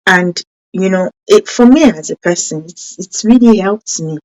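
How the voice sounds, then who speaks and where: With the high frequencies clipped away, we hear a Yoruba-speaking woman who runs a parenting channel, talking at a moderate pace. She's earnest and self-correcting, punctuating key points with abrupt rises in pitch.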